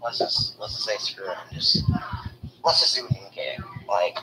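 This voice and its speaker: A man's voice: fairly low pitch, moderate pace, noisy background. A man rambling defensively in casual voice chat during an online game, full of fillers and restarts.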